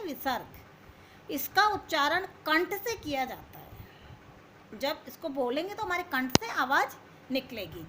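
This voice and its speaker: A woman's voice: high-pitched, sharp tone, a little hiss or hum. A woman teacher giving a grammar lesson to young children, asking questions and answering them herself.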